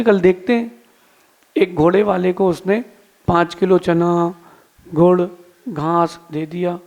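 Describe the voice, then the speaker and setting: A man with a high-pitched voice and a gravelly edge delivers a sermon as a Jain monk. He tells a story, voicing the characters' lines, then turns to plain advice for his listeners.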